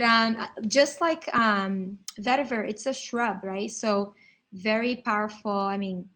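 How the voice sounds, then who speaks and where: A woman's voice: mid-range voice, fairly bright tone. Woman chatting about oils. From Brazil. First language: Portuguese. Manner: explanatory, many fillers and restarts. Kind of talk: casual livestream chat.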